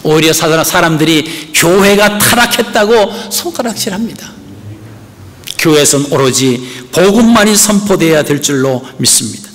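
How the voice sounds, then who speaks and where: A man's voice: a little high, animated, moderate pace, a bit bright. A man preaching a sermon as pastor, earnestly asking the congregation rhetorical questions. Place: church sanctuary. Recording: long church hall reverb.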